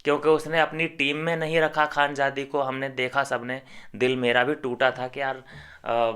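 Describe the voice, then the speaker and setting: A man's voice: mid-range voice, little pitch movement, normal speed, a bit bright, clean tone. A man commentating on a reality show, ranting heatedly and scornfully straight at his viewers.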